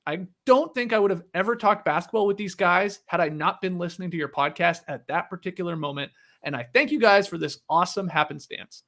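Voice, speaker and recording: A man's voice: sits high, fairly quick, a bit bright. A man hosting a podcast, reading a listener email aloud and then chatting casually with fillers. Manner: reads steadily, then chats with filler words.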